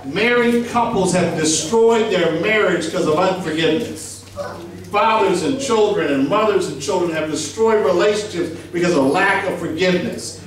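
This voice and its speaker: In a small church sanctuary, a middle-aged pastor speaks at normal speed in a voice that sits high, holding a handheld mic. The sermon is emphatic yet conversational, full of questions to the congregation, and the distant camera picks up plenty of echo.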